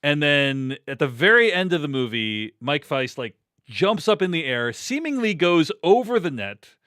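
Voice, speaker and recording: A man's voice: fairly high pitch, big pitch swings, moderate pace, fairly bright tone, clear, resonant tone, no echo, clean studio sound. A man hosting a casual movie discussion, chatty and recapping scenes in a loose, conversational way. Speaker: host.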